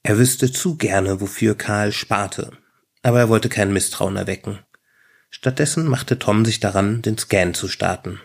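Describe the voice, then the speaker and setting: Slow gravelly male narrator. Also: fairly low pitch. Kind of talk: audiobook narration.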